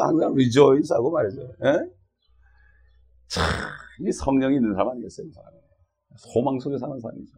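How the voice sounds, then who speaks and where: Male pastor, husky voice, chatty sermon delivery that keeps prodding the congregation. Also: medium pitch, a little mellow. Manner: conversational preaching with frequent "어?" and "예?" checks.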